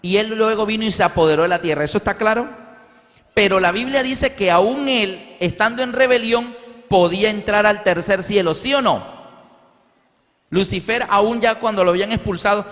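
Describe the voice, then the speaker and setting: High-voiced preacher in a reverberant hall. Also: male voice, a bit bright. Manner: asks the audience questions. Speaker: pastor. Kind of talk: sermon with storytelling. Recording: reverberant hall with faint music.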